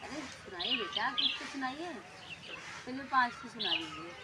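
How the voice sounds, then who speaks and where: In a classroom skit, a woman plays a teacher quizzing children on English words, scolding them sternly and repeating her questions. Her slightly high voice is expressive and moderately paced, set against heavy background noise.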